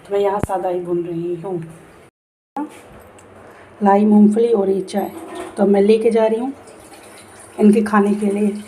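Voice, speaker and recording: Woman vlogger, casual chatty storyteller, mid pitch, home room with faint street noise. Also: level tone, measured pace, long pauses, warm tone. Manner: chatty storytelling, acts out husband's quoted lines. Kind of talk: casual vlog chat.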